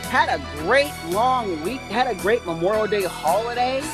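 A man's voice: high-pitched, lively intonation, moderate pace, over music. A man hosting a podcast from a studio, in an upbeat, loose, chatty way. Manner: upbeat, loose, laughs easily. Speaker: host. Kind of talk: casual podcast chat.

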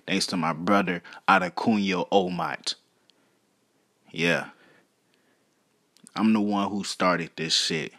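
Deep-voiced, slangy man rambling into a podcast. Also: sharp tone, no room sound, clean studio sound. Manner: foul-mouthed, slangy, rambling. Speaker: podcast host. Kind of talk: casual solo podcast monologue.

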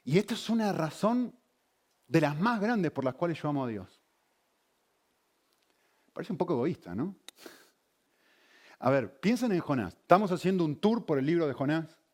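A male pastor delivers a sermon in a lively, expressive voice that sits a little high. He keeps turning to the congregation with questions. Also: moderate pace, pauses often. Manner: engaging, asks the congregation many questions.

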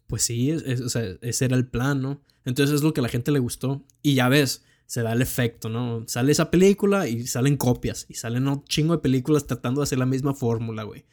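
A man's voice: medium pitch, brisk, hardly any pauses, darkish tone. A young man with a Mexican accent, chatting casually about films with plenty of slang and swearing. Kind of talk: casual film chat.

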